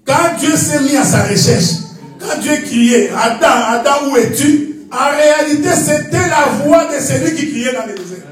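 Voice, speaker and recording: Male preacher, high lively voice, keeps checking in with the congregation; recorded from afar in a roomy hall. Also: moderate pace, faint music behind. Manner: animated, calls out to congregation for responses. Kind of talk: sermon. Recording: echoey hall, mic at a distance.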